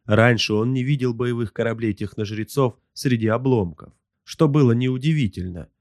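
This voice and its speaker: A man narrating an audiobook in an even, steady reading. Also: medium pitch, dry recording, clean studio sound. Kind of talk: scripted narration.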